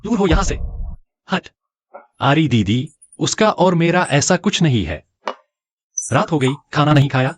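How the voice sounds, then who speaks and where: A man's voice: on the high side, sing-song, measured pace, pauses often, no room sound. A man voicing a protective young brother who talks back sharply and confronts his sister's suitor, in a dubbed drama. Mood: defiant. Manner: defiant, confrontational. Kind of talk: Hindi drama dubbing.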